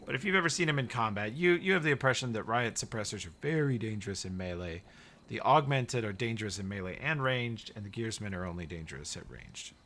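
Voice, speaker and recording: Bright-voiced man running a tabletop game. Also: on the low side, animated, quick pace. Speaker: game master. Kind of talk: narrating a tabletop game, casual. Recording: noisy background.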